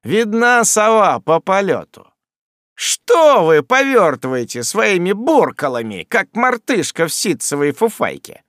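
A man reading a storybook, voicing a brash, bullying young manservant who shouts mocking threats in a loud, raised voice. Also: on the high side, very animated, a little slow, dry recording, studio quality.

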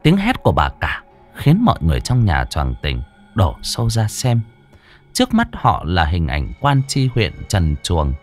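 A man narrating a horror folk tale in a dramatic storytelling style. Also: fairly low pitch. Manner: animated, swooping delivery. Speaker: audiobook narrator.

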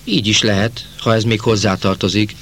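A man's voice: on the low side, fairly even intonation, a bit bright, a little hiss or hum. A man reading the lines of a stubborn, proud old peasant farmer in an audiobook, plainspoken and defiant. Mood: pleading.

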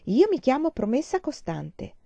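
A woman's voice: high voice, big pitch swings, moderate pace, creaky, dark tone, dry recording, dull audio, voice pushed up, exaggerated voice. A woman voicing a small, polite and eager boy in a storybook reading, in an earnest, raised voice.

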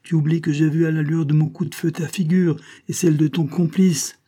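A man voicing a defiant old male woodsman in an audiobook, speaking loudly and indignantly with a husky voice. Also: medium pitch, normal speed, lightly acted. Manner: loud, indignant, rising to shouts.

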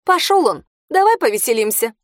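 A woman's voice: fairly high pitch, animated, moderate pace, dry recording, clean studio sound, voice pushed up, lightly acted. A woman voicing a hurt teenage girl who speaks in a wounded way. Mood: defiant.

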